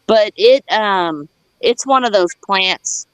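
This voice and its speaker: This American woman, a gardener on a livestream, rambles casually in a folksy, plain-spoken Southern accent. Her medium-pitched voice is animated but slow, with a clean tone. There's no room sound, though the recording is low quality.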